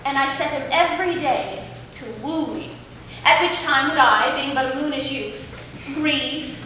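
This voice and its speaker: Her voice is high, pushed and bright, a little slow, as she performs live Shakespeare, playing a teasing, witty young heroine in disguise as a youth. The animated, playful declamation is captured from far off in a distant, echoey stage recording with faint noise.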